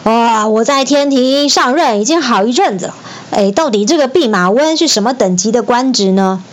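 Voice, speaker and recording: A woman's voice: a little high, expressive, normal speed, lightly acted. A woman voicing a brash, cocky male monkey king who talks in a boastful, scornful way. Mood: puzzled.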